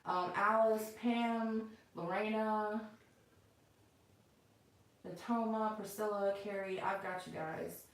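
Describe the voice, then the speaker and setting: A woman's voice: mid-range voice, steady tone, slow pace, pauses often. A middle-aged woman chatting casually and unscripted to viewers as the host of a livestream from home. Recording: very echoey room, far from mic.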